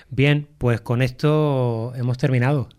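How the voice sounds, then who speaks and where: A man's voice: medium pitch, fairly even intonation, takes it slowly, darkish tone. A man hosting a radio talk show, joking and rambling, sometimes losing his train of thought. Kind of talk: casual chat.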